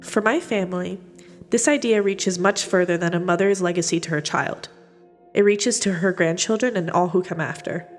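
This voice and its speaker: A woman narrating a family history and interviewing her grandmother, reading her script in a clear, measured way. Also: lowish voice, soft background music.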